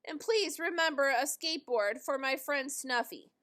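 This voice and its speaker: A woman voicing an eager, impatient, childlike big male bird from a storybook, excitable and pleading. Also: high voice, normal speed.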